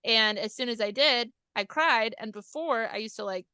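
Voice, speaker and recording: A woman hosting a podcast, talking in a heartfelt, expressive way about personal growth. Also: on the high side, moderate pace, clear, resonant tone, no echo. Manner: heartfelt, expressive, animated in retold quotes. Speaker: podcast host. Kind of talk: casual podcast chat.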